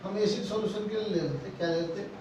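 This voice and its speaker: High-voiced man teaching chemistry, echoey. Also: fast talker. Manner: repeats key terms and asks rhetorical questions; mixes Hindi with English technical terms. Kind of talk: classroom lecture with questions to students. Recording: echoey classroom, mic far off, faint noise.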